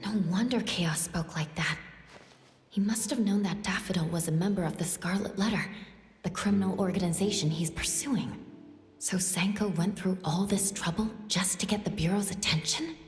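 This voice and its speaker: A woman voices an earnest, thoughtful young investigator in an anime-style game, reasoning aloud in a pensive, concerned mood. Her voice is on the low side with a breathy edge and a moderate pace, and faint music sits behind it.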